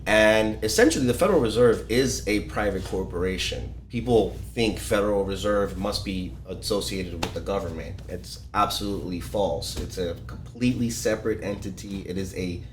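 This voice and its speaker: An Ecuadorian man appears as a guest on a casual podcast, explaining things with lots of fillers and restarts. His voice is lowish, his speed normal with few pauses, and the sound is roomy with faint background noise.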